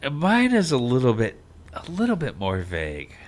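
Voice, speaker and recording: Lively joking male podcast host. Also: medium pitch, moderate pace, slight background noise. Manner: lively, joking, runs the segments. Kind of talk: casual chat. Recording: uneven podcast audio.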